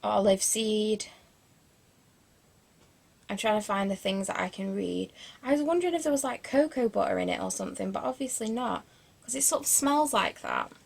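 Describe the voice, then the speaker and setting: A young woman in her twenties talks through a beauty haul in a rambling, casual way. Her voice has a noticeable creaky fry, and she fills gaps with ums and self-deprecating jokes. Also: mid-range voice, expressive, moderate pace. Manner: rambling and chatty, lots of fillers and restarts. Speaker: beauty vlogger. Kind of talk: casual product review chat.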